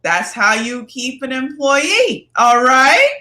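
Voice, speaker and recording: A woman co-hosting a casual chat, talking in a lively, animated way and reacting quickly. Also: sits high. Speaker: podcast co-host. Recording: echoey roomy sound.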